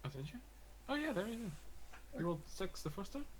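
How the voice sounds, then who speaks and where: A man running a tabletop game as game master, relaxed and joking, often laughing. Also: high voice, fairly quick, slight background noise, low-quality recording.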